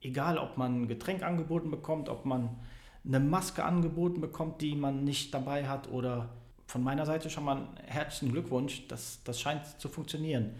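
A man's voice: fairly high pitch, normal speed, a little mellow, reverberant. A man conducting a casual interview, giving short affirming replies and asking friendly questions.

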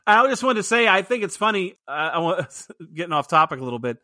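Male podcast co-host, casual rambling chat, forceful bright tone, dry recording. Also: sits high, big pitch swings, fast, no room sound. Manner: chatty, laughs often, rambling restarts. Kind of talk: casual movie review chat.

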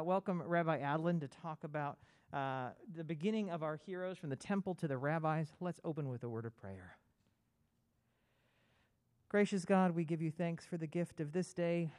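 Smooth-voiced minister, a man, leading prayer. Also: fairly high pitch, a little mellow. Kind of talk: spoken prayer and welcome.

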